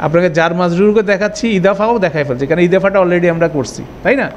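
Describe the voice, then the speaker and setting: Guy with a high voice teaching grammar in class, keeps asking if you got it. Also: quick pace, a little hiss or hum. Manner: explains step by step with frequent check-ins. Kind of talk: classroom lecture.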